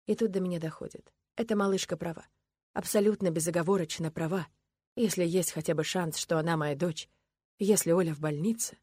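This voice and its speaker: A woman narrating a story in the first person, lively and voicing the other characters. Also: lowish voice, brisk, slightly rough, no echo, studio quality. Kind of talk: audiobook narration.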